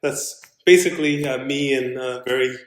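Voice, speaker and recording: A man's voice: medium pitch, steady tone, moderate pace. A man in his thirties, a pastor guest, telling his story in a casual, rambling way with many fillers. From Korea, raised in Los Angeles. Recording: echoey room.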